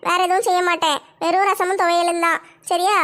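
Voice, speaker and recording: A woman's voice: very high voice, little pitch movement, a little fast, fairly bright tone. A woman voicing a bossy, scolding middle-aged village woman in a cartoon. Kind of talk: cartoon voice acting.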